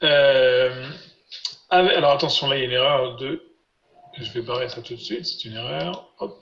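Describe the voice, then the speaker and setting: A man teaching a live online class, patiently repeating syllables slowly for his students over a video call. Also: medium pitch, fairly bright tone. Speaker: Biblical Hebrew teacher. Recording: roomy, dull lo-fi sound.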